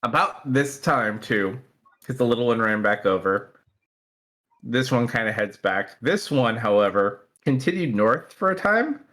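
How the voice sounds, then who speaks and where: A man narrating and refereeing as game master of a tabletop game, describing the scene in a relaxed way. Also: mid-range voice, a little slow.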